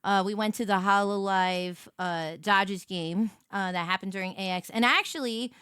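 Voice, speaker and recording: A woman hosting a casual livestream, talking in an animated, slangy way with plenty of swearing. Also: mid-range voice, moderate pace, clear, resonant tone, no room sound, studio quality. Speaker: VTuber streamer and host with a 1950s diner waitress persona.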